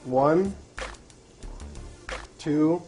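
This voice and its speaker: This young man's fairly high voice is extremely slow as he hosts a home-kitchen cooking show, calmly explaining each step while he cooks. Soft background music plays, and food sizzles and fries in the pan.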